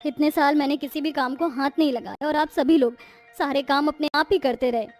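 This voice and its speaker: A woman's voice: high voice, steady tone, fairly quick, soft background music, close to an everyday voice. A woman voicing a lazy elder daughter-in-law in a cartoon story, speaking in an earnest, pleading way. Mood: apologetic.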